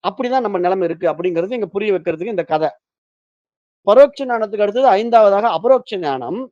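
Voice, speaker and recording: A male spiritual teacher, his voice high for a man, explains a philosophy text by telling a story and acting out its quotes. He speaks fairly quickly with lively intonation and a warm tone. The recording is close and dry with no echo, and the sound is muffled and lo-fi.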